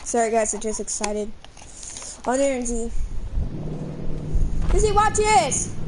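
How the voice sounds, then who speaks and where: A woman commenting on her video game play, excitable and squealing. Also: fairly high pitch, unhurried, very noisy. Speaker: gaming streamer.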